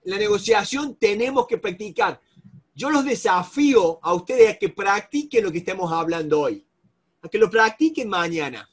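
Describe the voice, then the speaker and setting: A man with an Argentine Spanish accent teaches a room of participants in a lively, repetitive way, calling on people by name as he goes. His voice sits high for a man. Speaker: negotiation instructor. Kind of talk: live seminar lecture to a group.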